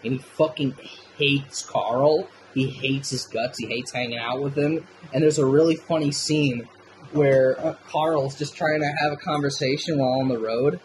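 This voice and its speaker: A man's voice: medium pitch, fairly even intonation, normal speed, a little hiss or hum, low-quality recording. A man giving a casual, enthusiastic film review, swearing freely as he talks.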